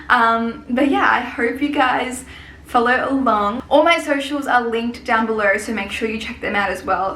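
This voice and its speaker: A woman's voice: mid-range voice, sharp tone. A young woman in her twenties chats in a loose, rambling way about her work as a hairdresser and salon owner. Her voice sits mid-range and carries the echo of a bare room at home. There is a faint hiss behind her. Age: 20s. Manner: chatty and rambling. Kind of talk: casual vlog chat.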